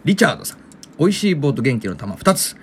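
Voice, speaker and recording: A man's voice: a little high, sing-song, a little hiss or hum. A man co-hosting a casual talk stream, reading listener messages with blunt, teasing banter. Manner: teasing, blunt, quick-talking. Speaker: podcast co-host.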